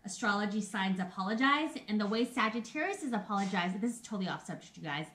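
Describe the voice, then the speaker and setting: Speaking at a quick pace, this woman in her thirties has a medium-pitched, animated, slightly bright voice. She's running a laid-back live video, talking directly to her audience in a chatty, personal way with frequent laughter.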